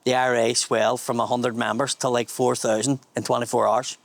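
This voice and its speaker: A man's voice: medium pitch, little pitch movement, a little fast, vocal fry. Blunt Belfast man giving a tour. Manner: blunt, sweary, storytelling. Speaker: tour guide and comedian host. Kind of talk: casual guided tour chat. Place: outdoors at a memorial garden in a housing estate. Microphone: small handheld mic.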